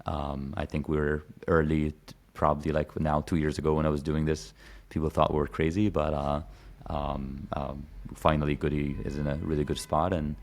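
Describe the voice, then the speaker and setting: A man in his thirties from Egypt, appearing as a podcast guest, talks casually in a rumbling low voice at normal speed. His delivery is completely flat, and he rambles with lots of fillers and restarts.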